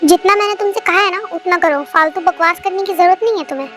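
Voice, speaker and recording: A cold, scornful young husband who snaps out orders, read by a woman in a fan audio story. The voice sits very high, with faint music playing underneath. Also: quick pace, a bit bright. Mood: bossy. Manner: scornful, commanding.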